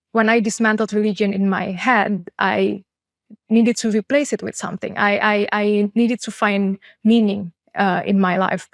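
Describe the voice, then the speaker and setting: An Indonesian woman in her thirties, a chief product officer appearing as a guest, answers interview questions candidly and reflectively. Her medium-pitched voice comes with frequent fillers and restarts. There's no echo.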